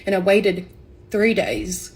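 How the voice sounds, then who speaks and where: A woman's voice: mid-range voice, expressive, slow pace. A young woman earnestly sharing an emotional personal testimony, often saying "like". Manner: earnest, heartfelt, frequent "like" fillers.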